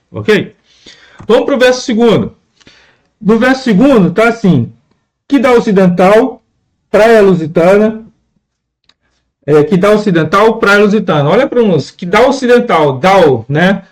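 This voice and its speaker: A man teaching a lesson on scanning verse, patient and repetitive, often checking in with "né?". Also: high voice. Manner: patient, repeats words and asks "né?" often. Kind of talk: classroom lesson explaining poetry scansion.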